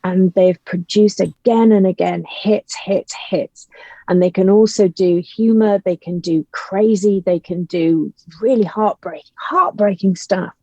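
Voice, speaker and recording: A woman appears as a podcast guest, an audio drama writer and actor who shares her opinions emphatically and conversationally. Her medium-pitched voice is warm and steady, a little slow. The call audio is dull, lo-fi and roomy.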